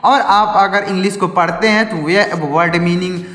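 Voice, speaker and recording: High-voiced man teaching English words. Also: fairly even intonation, normal speed, sharp tone. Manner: spells words letter by letter, repeats each answer; asks questions then answers them himself. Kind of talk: spoken Hindi lesson. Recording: echoey room with long reverb. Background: faint music.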